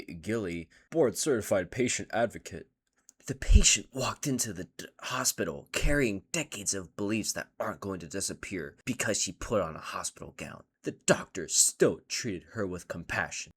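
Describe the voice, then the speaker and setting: A man hosting a casual reaction video, ranting in an animated and sarcastic way. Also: fairly low pitch, husky.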